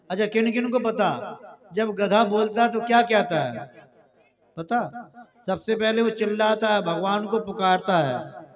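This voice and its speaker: High-voiced comic preacher. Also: male voice. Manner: lively, loud, questions the crowd. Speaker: preacher and storyteller. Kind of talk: comic sermon storytelling to a live audience. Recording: dull lo-fi sound.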